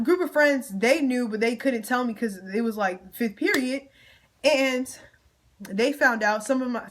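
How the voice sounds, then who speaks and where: With slight background noise behind her, a young vlogger in a slightly high, somewhat bright voice vents through a storytime. She addresses viewers head-on in casual slang and is at times close to tears.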